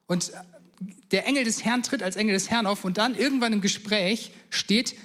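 A man's voice: sits high, moderate pace, fairly bright tone. A man preaching a casual sermon, telling stories with enthusiasm and acting out quotes in everyday speech.

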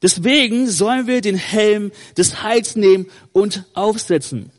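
A man's voice: high voice, a little slow, big-room sound. A man preaching a sermon, earnest and encouraging, who addresses listeners directly and often says "hey".

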